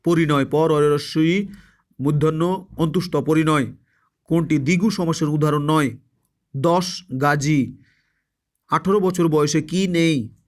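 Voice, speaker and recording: A man's voice: fairly high pitch, steady tone, unhurried, long pauses. A man with a Bengali accent giving an exam review lesson, spelling words out letter by letter and repeating answers for emphasis. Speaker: exam prep tutor.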